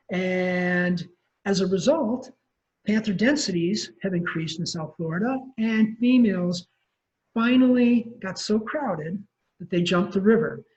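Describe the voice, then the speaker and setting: A man's voice: high voice, a little mellow. Man, wildlife professor type, casual lecture, lots of ums, muffled webinar sound. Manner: casual, rambling, frequent ums and self-corrections. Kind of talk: conversational lecture.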